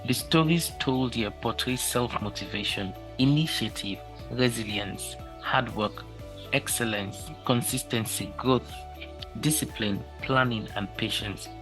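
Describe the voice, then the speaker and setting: A man hosting a podcast, reading a measured, formal scripted introduction. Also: mid-range voice, rough recording. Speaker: podcast host. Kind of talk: scripted narration. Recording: faint music behind.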